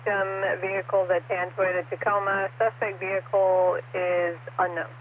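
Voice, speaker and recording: A man's voice: high voice, flat delivery, normal speed, distant mic. A man working as a police dispatcher over radio, giving clipped codes and short vehicle checks. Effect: police radio transmission. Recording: tinny radio scanner with static.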